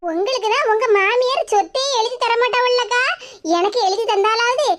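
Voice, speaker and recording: Woman doing a cheeky, squeaky young village woman. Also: fairly quick, fairly bright tone. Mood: pleading. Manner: pleading, cheeky. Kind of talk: cartoon voice acting.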